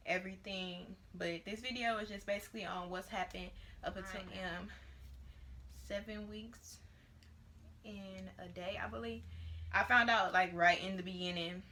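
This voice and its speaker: A young woman in her late teens tells a personal story to a camera set on a tripod at home. Her tone is bright and forward, and her delivery is loose and chatty, full of ums and likes. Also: mid-range voice. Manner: chatty and rambling, with many fillers. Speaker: vlogger. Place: at home, near her bedroom.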